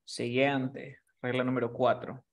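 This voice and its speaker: A man's voice: mid-range voice, completely flat delivery, unhurried. A man teaching a class, explaining rules patiently and often checking that his student has understood. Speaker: English teacher.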